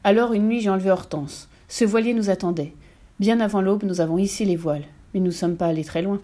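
A woman's voice: mid-range voice, fast, warm tone, close to an everyday voice. A woman voicing a weary ghost knight who grumbles in a confiding tone, in a storybook reading.

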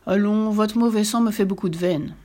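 A woman's voice: mid-range voice, normal speed, dark tone, natural voice. A woman voicing a cheerful young countess and mother who speaks in a sweet, coaxing way. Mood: consoling.

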